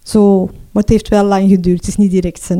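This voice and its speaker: A middle-aged Flemish woman telling her own story as a mother, emotional and halting, often restarting and adding "hè". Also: mid-range voice, flat delivery, warm tone. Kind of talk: personal testimony.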